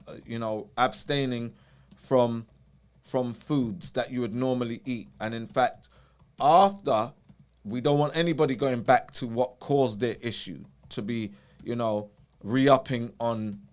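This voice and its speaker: A man with an ordinary mid-range voice walks a listener through advice in relaxed, conversational speech. He talks over a video call and keeps checking in with little tag questions as he explains. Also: mid-range voice, a little slow. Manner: explanatory, tags lines with "you know" and "right?". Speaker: wellness practitioner hosting a consultation. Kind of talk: casual advisory chat.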